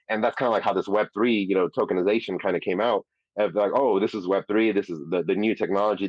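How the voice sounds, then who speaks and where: Heard over a dull, lo-fi online audio chat, a man with a lowish voice and no room sound hosts a casual live audio show. He rambles and swears, restarting often.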